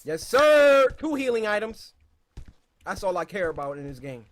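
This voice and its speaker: A young man with a high-sitting voice does let's play commentary as a gaming YouTuber, speaking at normal speed. He gets excitable, yelping and shouting when scared, then mutters to himself.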